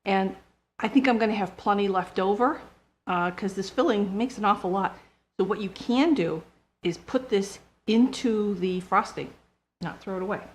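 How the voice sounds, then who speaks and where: A woman's voice: medium pitch, normal speed. An older woman, a home baker, talking casually and step by step through a cooking demonstration in her kitchen. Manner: chatty, homespun, explains step by step. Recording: noisy recording with clicks.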